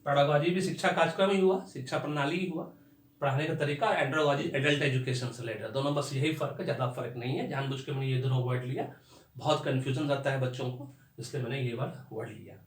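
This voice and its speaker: A man's voice: medium pitch, steady tone, fast talker, echoey room. A man teaching English vocabulary and pronunciation, stretching out each new word and spelling words out letter by letter.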